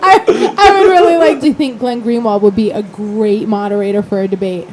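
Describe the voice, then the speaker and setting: A woman's voice: mid-range voice, normal speed, a little mellow, a little hiss or hum. A woman co-hosting a casual political talk show, chatty and giggly. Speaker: co-host.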